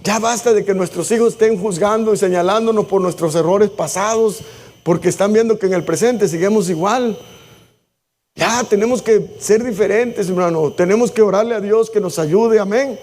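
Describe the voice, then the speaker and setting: A man preaches to his congregation in a strikingly high voice. He pleads and exhorts, dropping into spoken prayers. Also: normal speed, a little mellow. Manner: impassioned preaching, acts out prayers. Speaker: pastor. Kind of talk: sermon. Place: church.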